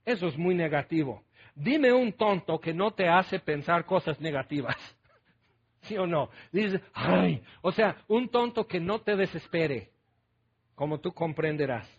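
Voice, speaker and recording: A man's voice: on the high side, lively intonation, measured pace, breathy edge, muffled recording. A man preaching a sermon in a conversational way, firing rhetorical questions and mock-quoting his listeners' replies.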